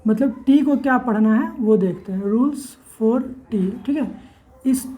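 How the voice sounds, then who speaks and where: Warm-voiced woman teaching English. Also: fairly high pitch, measured pace, low-quality recording. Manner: spells words letter by letter and keeps asking rhetorical questions. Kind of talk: classroom-style lesson.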